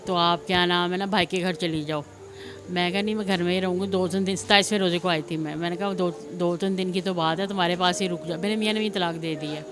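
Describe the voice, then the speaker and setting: Speaking quickly in a lowish voice with fairly even intonation, a middle-aged Pakistani-accented woman recounts her life in an unplanned, meandering way. She repeats points and replays past conversations while music runs beneath her.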